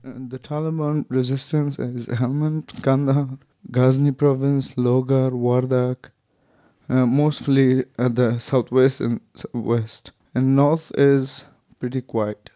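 A man speaks slowly and haltingly, often pausing as he searches for words. His voice is mellow and soft, and it sounds dry and close, with no room sound. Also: medium pitch, level tone, no room sound. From Afghanistan. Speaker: interviewee. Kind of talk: interview answers in English.

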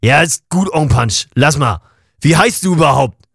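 A man's voice: a little high, expressive, normal speed, gravelly, fairly bright tone, husky, no echo, studio quality. A man narrating a first-person audio story in a casual, colloquial and ironic way.

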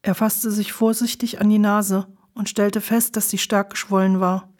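A woman reads a novel aloud, narrating at an ordinary middle pitch. Her reading is measured and steady. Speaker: audiobook reader. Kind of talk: scripted narration.

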